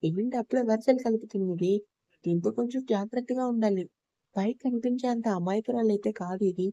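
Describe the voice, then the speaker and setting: A woman's voice: on the high side, brisk, warm tone, dry recording, dull audio. A woman voicing a scheming young woman who teases and schemes slyly. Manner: teasing, sly.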